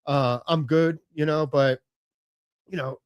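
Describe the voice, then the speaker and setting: A man's voice: fairly high pitch, fairly even intonation, slow pace, clear, resonant tone, no echo, lo-fi sound. Rambling man in his late thirties. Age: late 30s. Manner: rambling, full of "you know" and "like", casual swearing. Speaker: podcast guest. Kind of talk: casual conversation.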